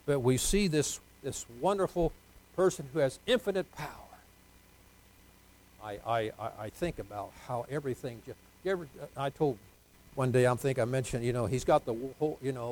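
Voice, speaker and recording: Older preacher swinging from hush to shout. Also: male voice, mid-range voice, rough recording. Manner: folksy, swings from quiet asides to loud drawn-out emphasis; jokes with the congregation, asks for amens. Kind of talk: sermon.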